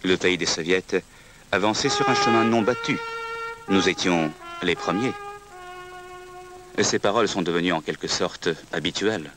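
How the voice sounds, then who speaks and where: A man reads scripted historical documentary narration in a measured, solemn manner. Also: low-pitched, music in the background.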